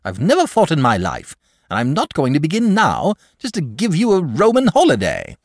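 A man's voice: a little high, huge pitch swings, moderate pace, dry recording, studio quality, voice pushed up, exaggerated voice. A man voicing a lazy, languid dragon. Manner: lazy, solemn, drawling. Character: lazy, gentle, cowardly male dragon.

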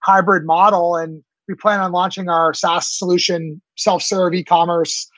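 A man's voice: high voice, level tone, a little slow, fairly bright tone, dry recording, rough recording. A man in his late thirties, a startup founder answering interview questions eagerly, with many fillers and restarts. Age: 30s.

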